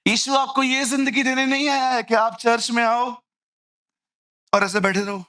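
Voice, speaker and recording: Animated preacher man with a bright voice. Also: very high voice, normal speed, dry recording, clean studio sound. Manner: animated, acting out people and mocking them. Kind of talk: lively Hindi sermon.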